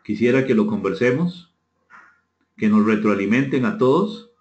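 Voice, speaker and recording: A man from Costa Rica, speaking with a Costa Rican accent, leads an interactive online seminar from an indoor room, reading out chat comments and answering them. He courteously invites participation and repeats phrases, his fairly low, darkish voice at a moderate pace. The audio is echoey, muffled and dull.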